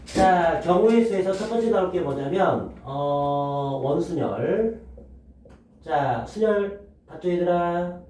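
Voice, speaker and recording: A man teaching math to students, lively and constantly quizzing them with questions. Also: sits high, slow pace, slight background noise. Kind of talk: classroom lecture. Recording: echoey room, voice from a distance.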